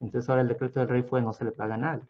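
A man's voice: medium pitch, level tone, very fast, muffled recording. Man telling a story. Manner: meandering, lots of fillers and restarts, acts out voices. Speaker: guest storyteller. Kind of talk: casual oral storytelling.

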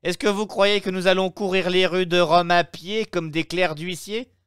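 A man reading aloud and voicing an impetuous, playful young gentleman traveler with a raised voice. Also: high-pitched, steady tone, normal speed, clear, resonant tone, no room sound, studio quality, voice pushed up. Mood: lively. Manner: exclamatory, playful.

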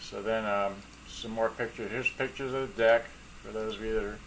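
Talking as he works at a cluttered home bench, a middle-aged man who makes hobby repair videos gives casual, halting, rambling instructions. His voice sits lowish, with fairly even intonation and a fairly bright tone. An off-screen camera mic captures him, and the workshop recording is clearly noisy.

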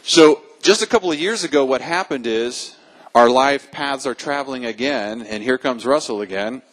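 A man's voice: medium pitch, moderate pace, rough recording. A man introducing the next speaker to a live audience in a friendly, conversational way. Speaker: event host introducing a speaker. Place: live talk before an audience.

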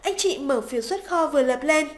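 A woman giving scripted, polite step-by-step narration for a software tutorial voice-over. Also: high voice, a little fast. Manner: polite, even, step-by-step instructional. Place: voice-over over screen recording.

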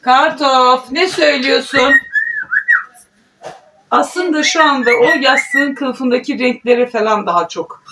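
High-voiced woman cooing to her parrot. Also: slow. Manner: coos affectionately to her pet parrot. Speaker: vlogger. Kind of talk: casual home vlog chat. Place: at home. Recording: distant mic with clear background noise.

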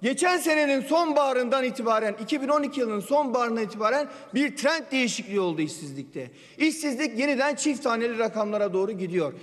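Guy talking into a podium mic in a big echoey chamber, assertive budget speech, pretty high voice. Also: a bit bright. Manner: assertive, pointed rhetorical questions. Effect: speaking into a podium microphone. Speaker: member of parliament. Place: parliament general assembly hall. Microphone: podium microphone. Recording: long reverb of a large chamber.

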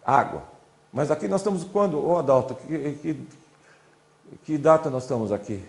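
A man gives a loose, chatty classroom lecture, walking his audience through slides. His somewhat high voice swings up and down with lively emphasis. A lecture hall echo surrounds him. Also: normal speed, gravelly. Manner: chatty, repeats "olha" and "né", pointing to slides.

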